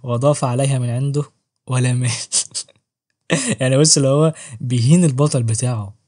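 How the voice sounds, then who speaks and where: Egyptian male book vlogger, quick banter, mid-pitched, jokey and slangy. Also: fairly even intonation, warm tone. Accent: Egyptian Arabic. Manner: joking, slangy, self-mocking. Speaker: book reviewer and channel host. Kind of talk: casual book review vlog.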